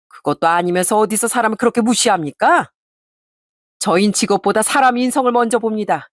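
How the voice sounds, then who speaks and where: A woman voicing the groom's mother, a dignified farming woman who answers in firm, measured retorts. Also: on the high side, no echo, clean studio sound, lightly acted.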